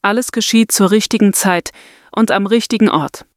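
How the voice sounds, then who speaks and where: A woman narrating a scripted guided meditation and affirmations in a soft, soothing, deliberate manner. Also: mid-range voice, dry recording, studio quality.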